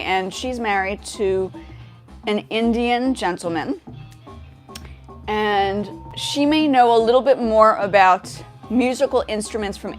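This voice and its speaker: A woman from Indonesia hosting a casual livestream on a headset mic, chatting and greeting viewers by name. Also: fairly high pitch. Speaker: livestream host.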